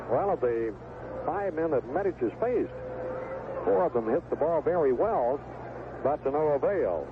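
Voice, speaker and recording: A man calls baseball play-by-play live on the radio, captured in a noisy old broadcast recording with stadium ambience behind him. His voice is on the high side and narrow, and the audio sounds tinny.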